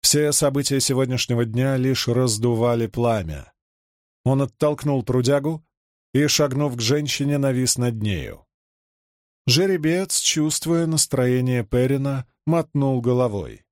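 A man's voice: medium pitch, a little slow, dry recording. Male audiobook narrator, dry sound. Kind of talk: scripted narration.

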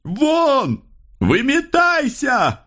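A man voicing a stone-faced male taxi driver who barks orders in a high, strained shout. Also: lively intonation, slow, creaky, full character voice. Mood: furious shouting. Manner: barking commands.

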